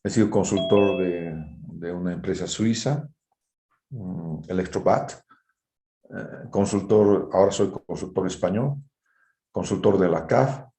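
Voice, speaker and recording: A low, dark-toned male voice at a measured pace belongs to a university engineering lecturer. He teaches students in an informal, didactic style, often checking in with quick tag questions, and the online-class audio is roomy and echoing.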